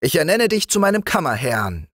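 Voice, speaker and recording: A man voicing a timid, eager young frog king in a storybook reading, in a raised, excited voice. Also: fairly high pitch, a little fast, no echo, studio quality, pitched above the performer's own voice. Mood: fretful.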